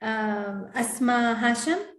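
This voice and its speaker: Slow-paced woman moderator in an echoing room. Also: a little high. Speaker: session moderator. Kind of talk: calling on participants in an online class. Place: online video call. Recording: roomy, echoing call audio.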